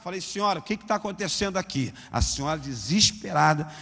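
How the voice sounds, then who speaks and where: A man from Brazil, a pastor giving a testimony sermon, telling his story in animated fashion, acting out dialogue and calling out to the congregation. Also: a little high, quick pace, vocal fry. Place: large church. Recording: reverberant church hall.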